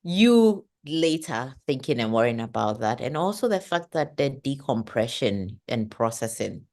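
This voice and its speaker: A woman hosting an interview, affirming her guest warmly and repeating "lovely, lovely.". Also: rumbling low, sing-song, unhurried. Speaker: podcast host, interviewer. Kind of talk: casual interview chat.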